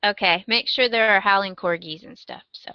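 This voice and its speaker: An American woman co-hosts a podcast, chatting casually and giving recommendations in a conversational, wry, emphatic way. Her mid-range voice is smooth and moves at normal speed. The recording is dry, with the highs cut off.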